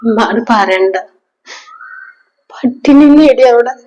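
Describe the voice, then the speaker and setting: A woman's voice: on the high side, slow pace, a little mellow, dull audio. A woman playing a worn-down young married daughter in a short film, speaking in a subdued, resigned way. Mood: weary, resigned.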